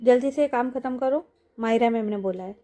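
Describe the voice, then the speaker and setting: A woman voicing a caring young woman assistant who speaks gently and asks questions. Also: fairly high pitch, a little fast, close to an everyday voice.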